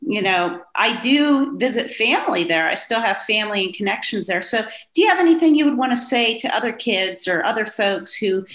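Female co-host, mid-pitched, thoughtful and tentative interview delivery, noticeably roomy recording. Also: expressive, fairly quick, hardly any pauses, fairly bright tone. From rural Pennsylvania, United States. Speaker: podcast co-host. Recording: echoey, roomy sound.

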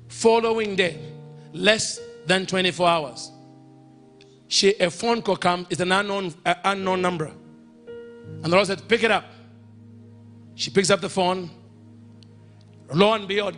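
A man's voice: sits high, fairly bright tone. A male preacher telling a story in a sermon and leading prayer, emphatic, repeating phrases and calling out to the congregation. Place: church or conference hall in Ghana.

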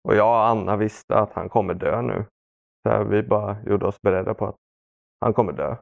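A man telling a painful personal story in conversation, halting, with many fillers and pauses, subdued and sombre. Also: on the low side, vocal fry, no room sound. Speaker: podcast guest. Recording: dull, dry lo-fi sound.

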